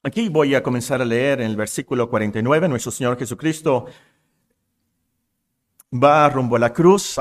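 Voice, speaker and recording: A middle-aged man preaching a sermon to a congregation, rising in intensity as he builds his point. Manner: animated preaching, pitch rising as he builds to a climax. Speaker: pastor.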